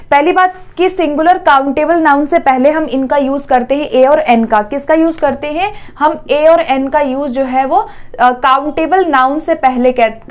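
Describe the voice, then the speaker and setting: A woman teaching an exam-prep grammar lesson, repeating words slowly and checking in often. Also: sits high.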